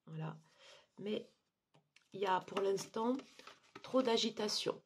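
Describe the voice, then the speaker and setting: A woman giving a monthly tarot card reading, talking haltingly with many fillers and restarts. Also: mid-range voice, breathy edge. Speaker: tarot reader.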